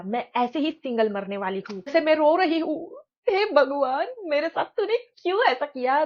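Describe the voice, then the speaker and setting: A young woman vlogger telling a storytime tale in an animated, dramatic, self-mocking way. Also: a little high. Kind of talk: storytime vlog. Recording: dull lo-fi sound.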